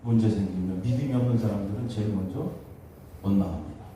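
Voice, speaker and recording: A man's voice: fairly low pitch, fast, mellow, a little hiss or hum. A male pastor preaching a sermon. He speaks emphatically, repeats his key phrases, and acts out the voices of complainers. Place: church sanctuary. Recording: echoey church hall, mic at a distance.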